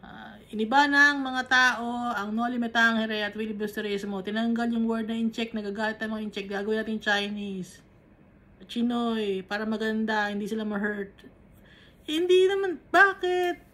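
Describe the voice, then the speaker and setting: A woman's voice: on the high side, a bit bright. A woman with a Filipino accent teaching a Bible study, switching between Tagalog and English and asking rhetorical questions.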